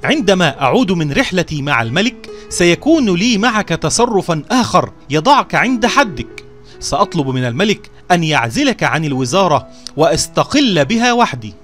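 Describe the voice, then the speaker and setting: A proud elder vizier, quick to anger and stern in his declaiming, as a storyteller puts him on. The pitch climbs higher and lively when he is heated, and the voice grows loud. A faint bed of music plays behind him in this storybook telling. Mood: angry.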